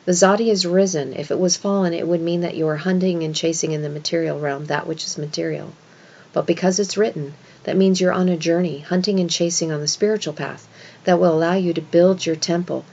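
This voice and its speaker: Low-pitched woman teaching scripture, dull sound. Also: steady tone, a little fast, dark tone. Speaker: religious teacher. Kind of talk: esoteric scripture lesson.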